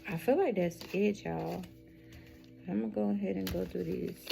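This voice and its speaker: A woman giving a spiritual tarot reading to her viewers, speaking in a slow, reflective way, repeating phrases and calling them y'all. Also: on the low side, gravelly, music in the background. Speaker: tarot reader.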